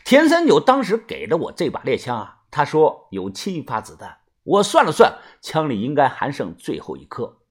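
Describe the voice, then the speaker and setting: A man narrating a first-person adventure story as an audiobook, in an animated storytelling manner. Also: fairly high pitch, moderate pace, few pauses, husky. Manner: animated first-person tomb-raiding tale telling.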